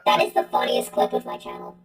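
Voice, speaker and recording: A woman's voice: quick pace, faint music behind. A woman speaking through a robot voice changer that turns her into a robot child, chatting in a rambling way. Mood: flat robotic. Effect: robot voice changer filter.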